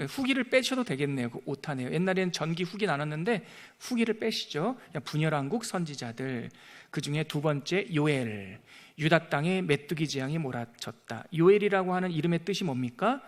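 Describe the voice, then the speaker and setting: Male pastor teaching a bible lesson, fairly high voice, playful, acts out the stories. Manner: lively, playful, acts out dialogue.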